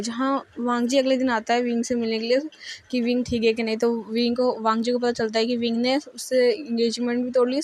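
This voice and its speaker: A woman's voice: a little high, a little mellow. A young woman narrating a fan fiction story and voicing its characters herself in a plain, emotional way.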